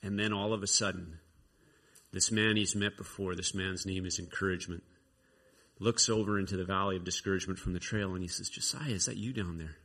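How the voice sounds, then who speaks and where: A male preacher retelling a story in a sermon, animated, with frequent restarts. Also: low-pitched, fairly quick.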